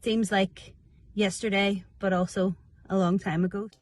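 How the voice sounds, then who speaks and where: A woman's voice: medium pitch, level tone, unhurried, no echo. A woman in her thirties giving a casual recorded message. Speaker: former student radio presenter.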